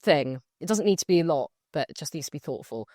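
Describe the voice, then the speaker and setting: A young woman co-hosting a podcast, chatting in a bubbly, animated way and laughing often. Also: deep voice, fast, no echo, clean studio sound. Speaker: podcast co-host. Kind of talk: casual chat.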